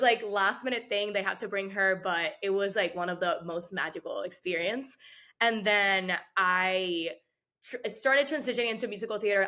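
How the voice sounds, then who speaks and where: A woman in her twenties from Puerto Rico, a dancer answering interview questions in a chatty way, with frequent "like" fillers. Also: mid-range voice. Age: 20s. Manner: chatty, many "like" fillers, soft-spoken. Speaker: guest, dancer.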